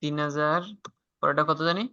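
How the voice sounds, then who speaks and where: A man's voice: a little high, flat delivery, fairly quick, sharp tone, clean tone. A man tutoring a student through a finance problem, step by step, quizzing him with questions. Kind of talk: step-by-step accounting lesson. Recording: dull lo-fi recording.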